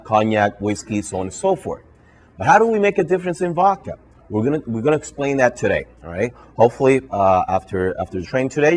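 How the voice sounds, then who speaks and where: In a hotel function room full of listeners, a brand ambassador and trainer from Puerto Rico teaches bartenders live, tagging "all right?" onto almost every phrase. He's a native Spanish speaker with a Puerto Rican accent, and his medium-pitched voice is husky.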